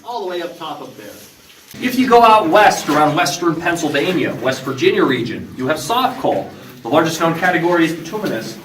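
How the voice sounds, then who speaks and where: Tour guide echoing in a mine tunnel. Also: male voice, a little high, far from the mic. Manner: explanatory, points things out as he goes. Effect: cave echo of an underground tunnel. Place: underground coal mine tunnel. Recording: echoey tunnel, voice off-mic, noisy.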